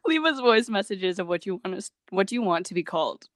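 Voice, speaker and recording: A woman's voice: mid-range voice, animated, brisk, no echo, clean studio sound. A young woman co-hosting a casual podcast chat, giggling often and rambling with lots of fillers. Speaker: podcast co-host.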